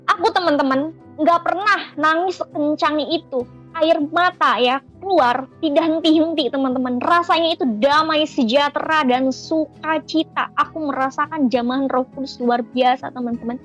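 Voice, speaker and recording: A woman's voice: high voice, moderate pace, fairly bright tone, faint music behind. A woman giving an earnest, emotional personal religious testimony, often turning to her listeners as friends. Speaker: testimony giver.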